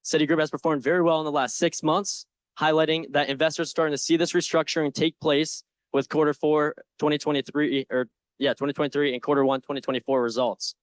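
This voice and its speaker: A young man delivers a prepared pitch in a confident, earnest way. His voice sits a little higher than average for a man. He slips into informal phrasing now and then, and the sound is very dry, with hardly any room in it. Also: flat delivery, fast talker, no echo. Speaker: presenter in a stock pitch competition. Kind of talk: prepared slide presentation pitching an investment.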